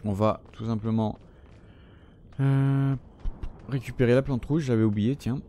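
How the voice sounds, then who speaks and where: A man's voice: mid-range voice, steady tone, measured pace, mellow, faint music behind. A man giving casual gameplay commentary, chatting loosely, swearing often and talking to the enemies on screen. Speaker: gaming channel host.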